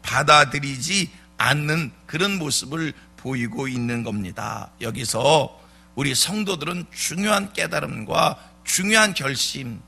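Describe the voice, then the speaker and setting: A man's voice: medium pitch, vocal fry, sharp tone, husky. A male pastor preaching a dawn sermon, driving points home with repeated rhetorical questions. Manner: rhetorical questions, emphatic repetition. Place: church sanctuary.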